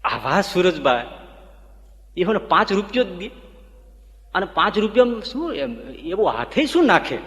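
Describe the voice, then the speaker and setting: A man giving a devotional sermon as a swami, telling stories with animated emphasis. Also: high voice, measured pace, pauses often. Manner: animated storytelling, rising with emphasis. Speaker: swami preacher. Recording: echoey hall, dull lo-fi sound.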